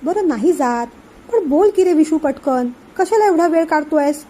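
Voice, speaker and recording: A woman's voice: sits high, lively intonation, normal speed, dark tone. A woman reading the part of a caring middle-aged aunt who coaxes affectionately. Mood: coaxing. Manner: coaxing, affectionate.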